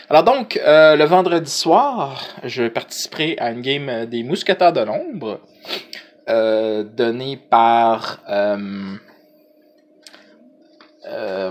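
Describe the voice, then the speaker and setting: Male vlogger, Quebec French accent, mid-range voice, casual and slangy, feeling his way through loose, hesitant sentences. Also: mid-range voice. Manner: hesitant and rambling, with colloquial slang. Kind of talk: casual chat to camera.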